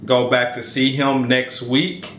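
Speaking slowly at medium pitch, a man in his thirties talks fitness to camera in his home kitchen, casual vlog style, loose and full of fillers and restarts. The arm's-length camera mic captures an echoey room and faint background noise.

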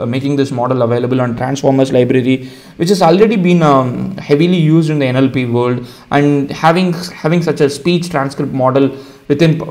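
Hosting a casual coding tutorial, a man with an Indian accent and a medium-pitched voice walks through each step in a relaxed manner, often saying um and uh.

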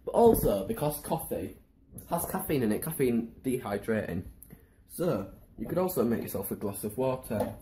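A man's voice: mid-range voice, sing-song, moderate pace, warm tone, reverberant, a little hiss or hum, poor audio. A man casually vlogging in his home kitchen, rambling and chatty, filmed on a tripod camera. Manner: rambling, chatty and self-mocking. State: slightly out of breath. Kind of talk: casual how-to vlog.

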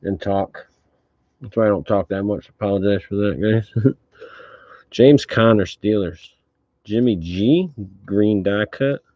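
A man's voice: lowish voice, unhurried, no echo. A man talking through a face mask, giving laid-back, casual running commentary as he hosts a sports card break and swears offhandedly. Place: indoor tabletop card-opening setup. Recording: dull, muffled audio with background noise.

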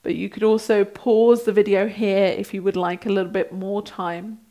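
Woman gently guiding a breathing practice. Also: mid-range voice, flat delivery. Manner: gentle, unhurried guiding with pauses. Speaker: breathwork and yoga instructor. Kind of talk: guided breathing practice instruction. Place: small bright indoor room, seated on a mat.

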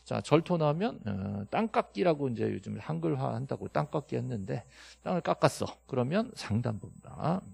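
Male instructor, animated pitch and dark tone, drills students with rapid questions, dry close sound. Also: creaky, husky, no room sound. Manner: lively, emphatic, quizzes students with quick questions and answers. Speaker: real estate law instructor. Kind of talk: classroom lecture.

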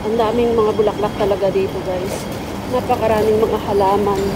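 Filming on a handheld phone while she walks, a woman vlogger tours a city street market, chatting to viewers and repeatedly calling them "guys." Her mid-range voice is fairly quick with little pitch movement, over loud traffic and city street noise.

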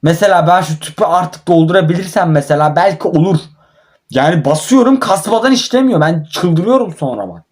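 A man's voice: on the high side, animated, brisk, a little mellow. A young man commentating his own mobile football match, frustrated and swearing at his players. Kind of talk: live gameplay commentary.

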